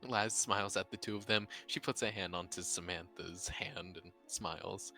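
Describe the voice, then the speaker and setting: A man improvising third-person narration as a tabletop role-play player, halting as he searches for words. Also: sits low, steady tone, creaky, pushed and bright, faint music behind.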